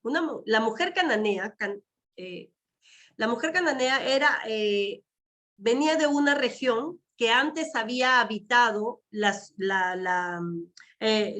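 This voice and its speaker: A woman preaches a sermon at an unhurried pace, her high voice carrying over an online call through earphones. She repeats key phrases, asks her listeners questions and drops in amen between points. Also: a bit bright. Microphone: wearing earphones with a mic.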